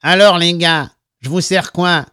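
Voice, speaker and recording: A man's voice: high voice, fairly even intonation, a little slow, sharp tone, smooth, no echo, clean studio sound, pitched above the performer's own voice. A man voicing a nasal, servile male bar owner with a fixed smile. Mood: wheedling.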